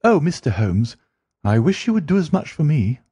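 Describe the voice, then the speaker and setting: Man putting on an excitable, earnest young woman. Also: husky, dry recording. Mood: pleading. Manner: breathless, rushing, rising high pitch.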